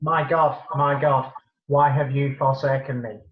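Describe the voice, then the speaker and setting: A man's voice: mid-range voice, flat delivery, a little slow, slight background noise, close to an everyday voice. A man playing an anguished, dying crucified prophet crying out in a dramatised scripture reading. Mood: anguished, loud. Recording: echoey room, slightly muffled.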